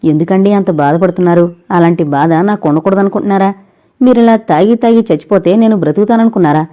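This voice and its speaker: A woman's voice: mid-range voice, quick pace, warm tone, highs cut off, close to an everyday voice. A woman voicing a grieving young married woman who tearfully pleads with the man she still loves. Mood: tearful pleading. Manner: tearful, imploring.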